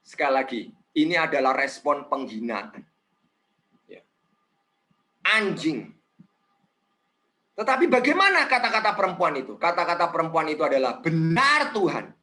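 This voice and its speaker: A man's voice: on the high side, normal speed, long pauses. A man preaching a sermon, asking the congregation questions and often adding a short "ya" as a tag. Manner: animated, questioning, frequent tag "ya".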